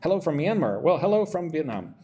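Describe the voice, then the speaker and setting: A man's voice: on the high side, sing-song, fairly quick, mellow, a little hiss or hum. A man teaching English pronunciation on a live stream, talking with energy and reading out viewers' chat messages.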